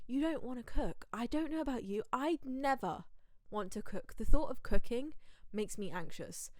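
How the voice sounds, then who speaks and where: A woman's voice: fairly high pitch, lively intonation, normal speed, no room sound, studio quality. A young woman hosting her own podcast, talking casually and candidly to listeners with lots of rhetorical asides. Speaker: podcast host. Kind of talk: casual solo podcast monologue.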